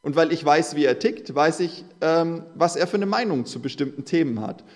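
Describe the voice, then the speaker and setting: A male preacher delivers an earnest, conversational sermon to his congregation in a voice a little higher than most men's and a little mellow. When he reads scripture, he slows right down and leans on the words.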